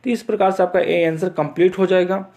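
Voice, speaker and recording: Male tutor, high pitched and soft-toned, talks through geometry steps, chhattisgarh hindi. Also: steady tone, brisk, creaky. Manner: repeats steps with frequent "theek hai" check-ins. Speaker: math teacher. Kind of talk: explaining a board exam assignment.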